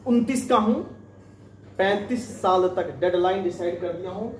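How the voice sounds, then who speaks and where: A man's voice: high-pitched, normal speed, a little hiss or hum. Sales trainer, man in his twenties, emphatic and questioning, recorded from across an echoey restaurant room. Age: 20s. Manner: emphatic, quizzes the audience with repeated questions. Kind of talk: motivational training talk. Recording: echoey room, mic at a distance.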